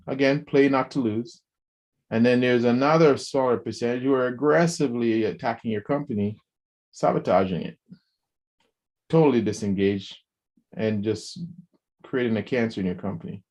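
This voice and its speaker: A mid-range male voice belongs to a podcast co-host who talks casually and with energy. He keeps restarting, repeats words and acts out quoted speech.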